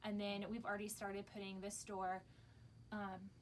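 Speaking at a normal speed with a mid-range voice and flat delivery, an American shop owner in her thirties gives customers a casual video announcement. She stands indoors a few steps from the camera, which records from a distance amid background noise.

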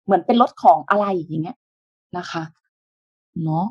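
A woman's voice: fairly low pitch, normal speed, breathy edge, no echo, highs cut off. Patient woman teaching a language lesson. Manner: patient step-by-step explaining with soft polite sentence endings.

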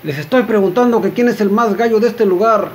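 A brash, oversized gunslinger from a told joke bellows his demands across the room, put on by a man. His voice sits a bit high and pushes forward loudly. Faint noise hums underneath. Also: a little fast. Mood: demanding. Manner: shouting boastful demands. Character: big loud gunslinger man in a cantina.

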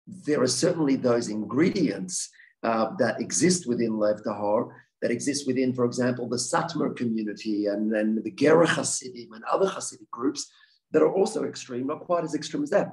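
A man's voice: medium pitch, a little mellow, rough recording. A man in his forties giving a talk as a guest speaker and answering audience questions, earnest, often restarting and repeating words. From Australia. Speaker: guest speaker, victims' advocate.

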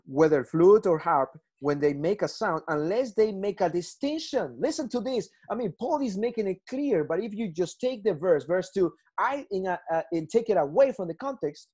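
Ecuadorian pastor teaching over a video call. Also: male voice, sits high, darkish tone. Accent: Ecuadorian Spanish. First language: Spanish. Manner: earnest, repetitive, frequent restarts and "right?" checks. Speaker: pastor teaching a Bible class. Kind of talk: Bible study lesson on a video call.

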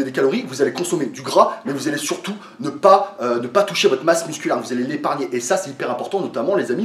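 Here a Frenchman who runs a fitness vlog walks viewers through a workout on camera. His voice is a little high, and his delivery is relaxed but halting, with lots of fillers, restarts and a touch of tiredness. The mic is distant and the room echoes.

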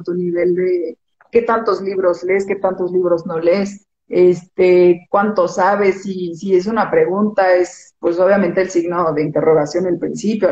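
A woman's voice: medium pitch, darkish tone, echoey room, highs cut off. A woman with a Mexican accent, an image consultant chatting casually in an interview, explaining with everyday examples.

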